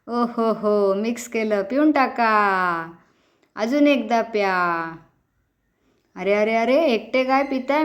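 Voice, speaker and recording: Woman, laughter yoga leader, exclaiming and laughing, higher voice, very unhurried delivery. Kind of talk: leading a children's laughter yoga session.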